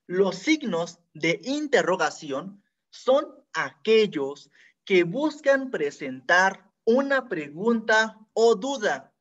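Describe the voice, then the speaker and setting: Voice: mid-range voice, lo-fi sound. A teacher giving a scripted grammar lesson, explaining each rule with worked examples and repeating it.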